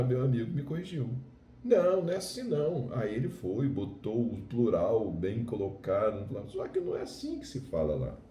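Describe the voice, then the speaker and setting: A man with a Brazilian Portuguese accent teaching Spanish in a video lesson, explaining slowly and checking in with "ok?". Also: lowish voice, mellow, echoey room, far from the mic, a little hiss or hum.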